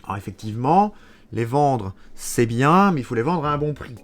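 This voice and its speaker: A man's voice: medium pitch, animated, normal speed, faint music behind. A man with a Belgian French accent from Wallonia, chatting live with viewers while playing a game. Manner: chatty, answers viewers, thinks aloud. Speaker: streamer.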